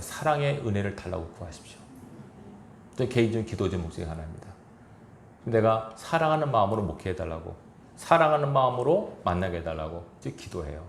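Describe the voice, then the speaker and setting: Male pastor, low gravelly voice, lively preaching, echoey church hall. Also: a little hiss or hum. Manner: earnest, exhorting, with chuckles and quoted asides. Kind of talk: sermon. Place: church sanctuary.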